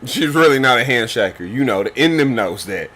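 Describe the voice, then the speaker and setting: A man's voice: medium pitch, expressive, a little fast, sharp tone, slight background noise. A man running a tabletop game as game master, talking in a laid-back, slangy drawl.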